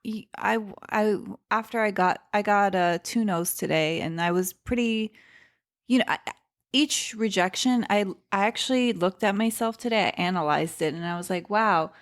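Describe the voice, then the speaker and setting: Speaking at a normal speed in a mid-range voice, a woman in her thirties guests on a podcast as a stand-up comedian. Born in Iran, raised in Seattle and a native Persian speaker, she tells stories casually, full of fillers and restarts.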